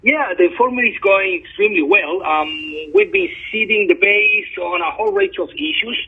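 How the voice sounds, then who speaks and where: A Chilean man, a guest journalist, talks earnestly in a phone interview, dotting his speech with hesitant ums. His high voice has a breathy edge and moves at normal speed, and the telephone line sounds tinny.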